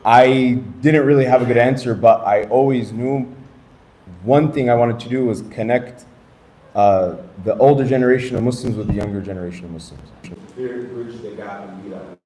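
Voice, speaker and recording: A man's voice: medium pitch, moderate pace, dark tone. A man in his thirties, an Islamic studies teacher, introducing himself with self-deprecating jokes, rambling asides and Arabic phrases. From United States. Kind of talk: casual self-introduction to a group. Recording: echoey room with faint noise.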